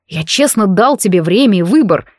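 A woman reading the part of an ancient warlock king, teasing and possessive, drawing his words out slowly and intimately. The voice sits at an ordinary middle height for a woman. It is recorded close and dry, with no room sound. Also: mid-range voice, lively intonation, a little mellow, no echo, lightly acted. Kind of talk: audiobook character reading.

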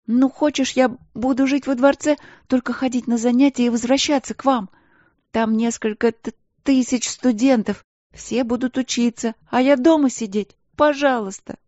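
A woman's voice: mid-range voice, unhurried, mellow, no room sound, muffled recording, pitched above the performer's own voice, natural voice. A woman voicing a stubborn, tearful young princess who pleads and stammers through her sobs.

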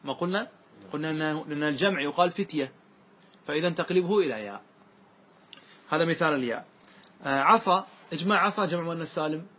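A man teaching a grammar class, who questions his students often and repeats key points. He recites verse lines slowly and draws them out. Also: on the high side, fairly bright tone. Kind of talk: classroom lesson.

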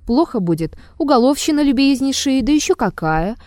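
A woman's voice: high voice, sing-song, fairly quick, darkish tone, no echo, clean studio sound, voice pushed up. A woman voicing an insolent, mocking male blackmailer in an audiobook, talking rudely and with a sneer. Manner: sneering and rude.

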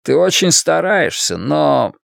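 A man reading an audiobook, voicing a gruff older farm boss who speaks bluntly and haltingly. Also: on the high side, very animated, a bit bright, no room sound, studio quality, voice pushed up, full character voice.

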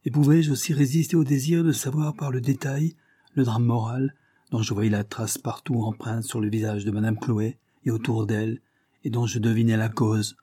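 A man narrating a classic novel as an audiobook, measured and earnest in his storytelling. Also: medium pitch, little pitch movement, dark tone, breathy edge, no room sound, studio quality.

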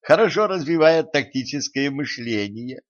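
A man's voice: mid-range voice, lively intonation, moderate pace, pitched above the performer's own voice, close to an everyday voice. Guy doing a chill smirking magister, wry, muffled audio. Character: calm, wry male academy magister. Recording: muffled lo-fi recording.

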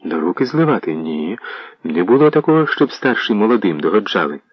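A man's voice: on the low side, big pitch swings, a little fast, slightly rough, no echo. A man reading an audiobook, voicing an earnest young warrior son, on a dull lo-fi recording.

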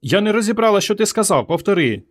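A man voicing a calm, earnest young woman from the future in a storybook reading, bewildered by old words. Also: high voice, quick pace, husky, pitched above the performer's own voice, exaggerated voice. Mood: earnest, puzzled.

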